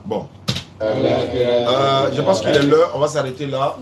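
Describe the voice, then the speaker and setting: A man's voice: mid-range voice, steady tone, takes it slowly, echoey room, crowd noise. A man hosting a live religious call-in, talking casually, repeating himself and often calling out to silent callers. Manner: repeats phrases, keeps saying "Inch'Allah" and "Allô?".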